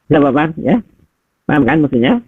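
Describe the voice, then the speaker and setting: A man's voice: a little high, big pitch swings, fairly quick, no echo. Man giving feedback over a tinny call. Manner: conversational, addresses listeners as Pak and Bapak Ibu, rhetorical questions. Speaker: teacher trainer giving feedback. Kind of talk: video call feedback session. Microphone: video call. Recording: husky voice over tinny video call audio.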